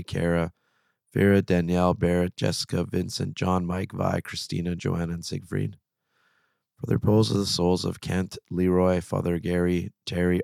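A man with a gravelly, raspy voice from a very sore throat, leading prayers and intentions in a solemn, measured way. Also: low voice, a little mellow, dry recording. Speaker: livestream prayer host. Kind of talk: reciting intentions and prayer responses.

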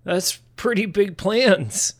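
Man, high voice, slow halting delivery, laid-back, casual role-play chat. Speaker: tabletop game player.

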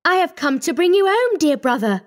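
Storybook: man doing a tiny eager girl, very high and sweet, breathless with excitement. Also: a little fast. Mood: gleeful.

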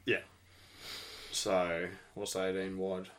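Deep-voiced man in casual chat. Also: flat delivery, takes it slowly, fairly bright tone. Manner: rambling, technical, swears casually.

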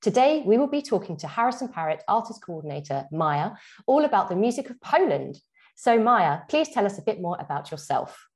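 A woman's voice: medium pitch, very animated, brisk. A woman hosting an arts podcast, reading a scripted intro and then asking chatty, enthusiastic questions full of fillers. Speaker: podcast host.

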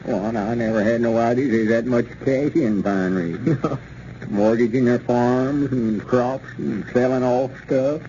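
A man's voice: mid-range voice, a little slow, mellow, close to an everyday voice. An actor playing an eager, gullible small-town man with a rural Southern accent and folksy country talk in an old radio serial. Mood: pleased, eager. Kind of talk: old-time radio comedy serial acting. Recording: dull, noisy old radio recording.

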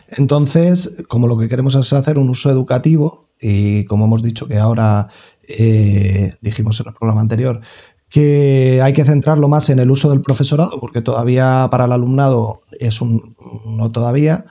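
A man, a guest educator explaining step by step on a podcast, lively with many "eh" fillers. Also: mid-range voice.

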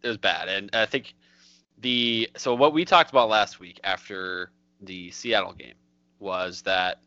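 Male podcast co-host, lowish bright voice, chatty and hedging, muffled dry recording. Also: measured pace, no echo. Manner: chatty, hedging, lots of "like" and "you know". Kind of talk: casual sports podcast talk.

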